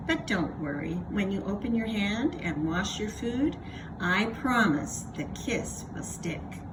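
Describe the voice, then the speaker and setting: Woman as a soothing mama raccoon, slow n gentle, storybook read, noisy background. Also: mid-range voice, lively intonation. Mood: tender. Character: gentle, reassuring mother raccoon. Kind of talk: children's storybook character voice.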